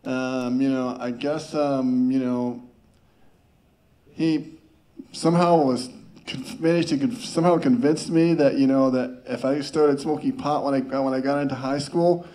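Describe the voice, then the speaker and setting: A man's voice: mid-range voice, steady tone, a little slow, mellow. A male stand-up comedian telling a rambling story with stammers, restarts and chuckles.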